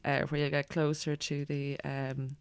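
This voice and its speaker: Creaky-voiced Irish woman, clear and close. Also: deep voice, completely flat delivery, measured pace, no room sound. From Ireland. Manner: hesitant, meandering delivery. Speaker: guest, stand-up comedian. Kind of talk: casual chat.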